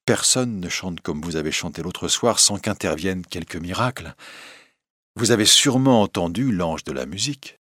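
Brief: anxious young woman singer, tense and pleading, read by a low-voiced man. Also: lively intonation, moderate pace, a bit bright, dry recording, studio quality. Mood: earnest.

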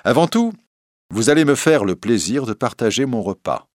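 A man's voice: mid-range voice, sing-song, normal speed, darkish tone, no room sound, studio quality, voice pushed up, lightly acted. A man voicing a bold, generous outlaw who speaks with confident, mocking politeness. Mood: assured, mocking. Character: bold, generous male outlaw, young adult.

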